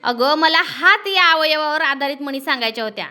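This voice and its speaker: An eager schoolboy, read aloud by a woman teacher, earnestly tells his grandmother about his win. The voice is high and bright. It is read to a class in a classroom. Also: animated, brisk, exaggerated voice. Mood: eager, proud. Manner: earnest, proud storytelling.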